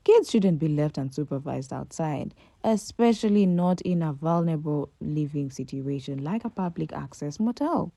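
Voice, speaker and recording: A woman's voice: deep voice, lively intonation, moderate pace, gravelly, few pauses, warm tone, no echo. A woman reading a scripted commentary voice-over, emphatic and full of rhetorical questions. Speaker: commentary narrator.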